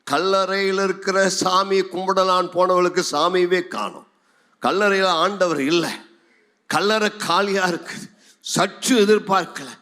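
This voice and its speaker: High-voiced Tamil pastor preaching dramatically. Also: male voice, a little slow. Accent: Tamil Nadu Tamil. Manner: dramatic, acts out scripture dialogue, rising to shouts. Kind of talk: sermon. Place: large church hall.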